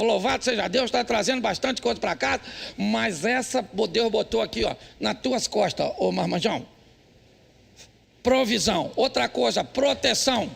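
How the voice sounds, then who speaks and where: At a church service, a pastor with a Brazilian Portuguese accent delivers a humorous sermon, telling stories and bluntly teasing husbands. His very high voice is a bit bright and slightly rough, with vocal fry.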